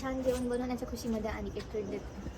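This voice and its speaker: A woman's voice: a little high, fast, low-quality recording. A young woman with a Marathi accent, chatting casually and teasing playfully to a phone camera in a couple vlog. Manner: playful teasing, lively exclamations. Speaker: vlogger. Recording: loud crowd and background noise.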